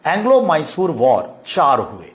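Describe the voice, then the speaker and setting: A middle-aged man teaching a classroom lecture for exam coaching, repeating key points and dropping to quieter asides. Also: fairly high pitch, wildly swooping pitch, measured pace. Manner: explains with repetition, drops to quieter asides.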